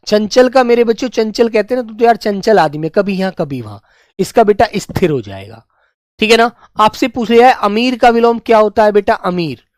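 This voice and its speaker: A man's voice: high voice, darkish tone, no echo, studio quality. A man teaching an exam revision lesson in a chatty way, calling his students "beta" and "dear children" and asking "right?" again and again.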